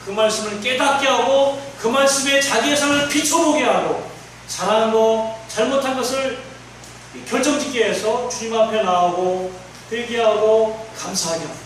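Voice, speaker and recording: A man preaching a fervent sermon as pastor, swinging from near-shouts down to quiet, low-voiced storytelling. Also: normal speed. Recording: very echoey hall, voice from far off, faint noise.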